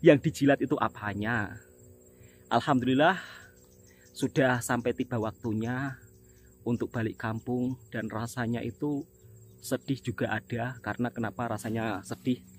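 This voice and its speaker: A man's voice: medium pitch, steady tone, moderate pace, pauses often, a little hiss or hum. A middle-aged man from Indonesia, a migrant laborer and vlogger, talking earnestly to his viewers and often calling them his friends. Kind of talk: casual monologue to viewers.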